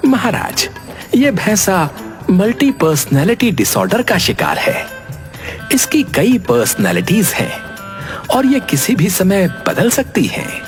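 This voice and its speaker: A man's voice: high-pitched, very animated, slow pace, over music, exaggerated voice. A man voicing a hesitant, deferential, apologetic record keeper of the gods in a cartoon. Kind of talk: Hindi cartoon dialogue.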